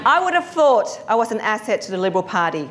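A woman's voice: mid-range voice, very animated, quick pace, very noisy. A middle-aged woman, a former councillor, giving an earnest, composed speech at a lectern in a conference hall.

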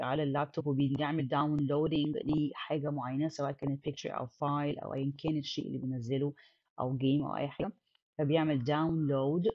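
A woman's voice: low-pitched, no echo, lo-fi sound. A woman with an Egyptian Arabic accent teaching an English lesson, mixing English words into her Arabic explanation.

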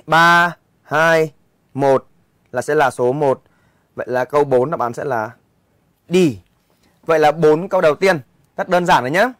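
A man's voice: fairly high pitch, fairly bright tone, dry recording, studio quality. A young male English teacher, walking students through an exam in a chatty way and often checking if they follow. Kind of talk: exam walkthrough lesson.

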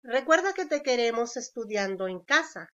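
A woman teacher with a Honduran accent reads a scripted lesson. Her voice sits a little high and swings widely in pitch, making each example sentence expressive. She speaks slowly and carefully, and the recording sounds somewhat dull and lo-fi. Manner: slow, careful reading with lively, expressive intonation on examples.

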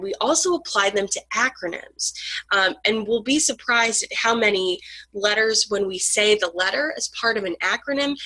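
A woman's voice: medium pitch, bright, forceful tone, dry recording, rough recording. A woman lecturing on grammar, explaining patiently with frequent ums and sounding out letters.

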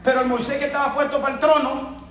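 High-voiced preacher in an echoey church. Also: male voice, level tone, fast. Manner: preaching with shouted bursts and laughter. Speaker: pastor. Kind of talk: sermon. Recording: echoey room from a distance.

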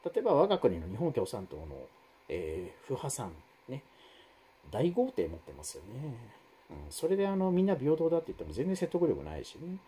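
A man's voice: huge pitch swings, a little fast, mellow, a little hiss or hum. A man hosting a live stream, chatting casually with viewers and reading their comments, rambling with many fillers. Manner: rambling, many fillers, wide swings in pitch.

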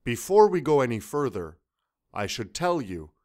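A young Canadian man with a Canadian accent leads a scripted pronunciation lesson, enunciating carefully and saying each practice word twice. His mid-range voice is sing-song and a little mellow, at a moderate pace.

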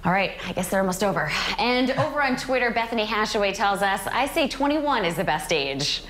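A woman's voice: medium pitch, lively intonation, a little fast, fairly bright tone, a little hiss or hum. A woman in her late twenties co-hosting a morning TV show, chatting loosely with lots of fillers on a studio couch. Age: late 20s. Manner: chatty, rambling with many fillers. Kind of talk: casual studio chat. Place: TV studio set, seated on couch.

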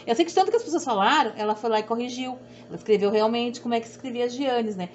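A woman's voice: fairly high pitch, quick pace. Woman, middle-aged, southern Brazilian accent, sewing teacher, chatty and repetitive, dull audio, faint hum. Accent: southern Brazilian Portuguese. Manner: rambling, repetitive, self-deprecating. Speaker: sewing instructor.

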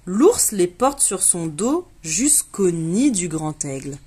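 A woman reading a children's storybook aloud, giving the characters bright, lively voices. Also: lowish voice, slow pace, breathy edge. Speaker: reader of a children's book.

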